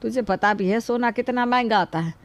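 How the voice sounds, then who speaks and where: A woman voicing a protective, soft-hearted older mother-in-law in a cartoon, scolding gently and coaxing. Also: on the high side, moderate pace, lightly acted. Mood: fond. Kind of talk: cartoon voice acting.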